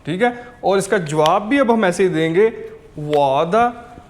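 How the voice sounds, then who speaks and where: A man's voice: high-pitched, moderate pace, a little mellow. A man teaching a language lesson, patiently repeating each word for learners to copy and checking in with "ok" as he goes. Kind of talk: slow step-by-step language lesson.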